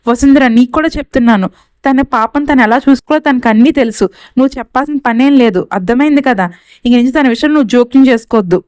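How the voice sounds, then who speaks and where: A woman's voice: a little high, darkish tone, no echo, natural voice. A woman doing a stern protective mother. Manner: stern, commanding.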